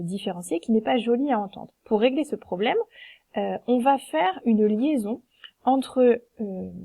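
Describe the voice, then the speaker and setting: A patient woman teacher talks through a lesson with a slightly high, mellow voice. She counts syllables aloud one by one and explains each step calmly.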